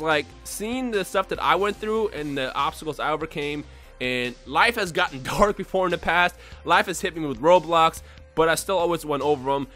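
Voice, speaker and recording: A young man from Bosnia, a YouTuber talking unscripted to his viewers in an excitable, rambling way with lots of restarts. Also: fairly high pitch. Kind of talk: unscripted casual vlog talk.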